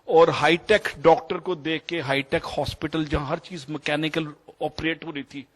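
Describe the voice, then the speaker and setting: A man's voice: on the high side, steady tone. A man in his fifties with a Pakistani Urdu accent, a doctor telling a personal story in a rambling, anecdotal way with English phrases mixed in. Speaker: doctor sharing experiences. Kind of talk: storytelling talk.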